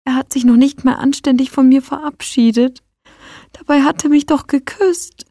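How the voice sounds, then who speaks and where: A woman's voice: a little slow, gravelly, mellow, dry recording, clean studio sound. Heartbroken sniffling young woman, as a woman reads her. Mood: tearful. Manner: weepy, high and pleading.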